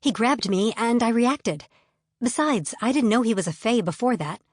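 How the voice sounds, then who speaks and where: A young woman heroine who answers questions curtly and defensively, read by a woman narrator. Her voice sits a little low and sounds dry and close. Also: normal speed, dry recording, natural voice. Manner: snappish, defensive replies. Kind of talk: audiobook character voice.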